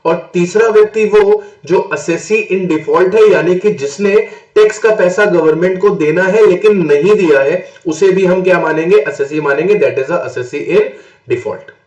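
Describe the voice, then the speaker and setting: A male tax lecturer from northern India, talking in a slightly high voice and often switching to English terms. He poses questions to the class and answers them himself. The recording has a roomy echo. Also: moderate pace, few pauses, darkish tone, lo-fi sound. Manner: mixes English terms into Hindi explanation. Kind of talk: exam-prep classroom lecture.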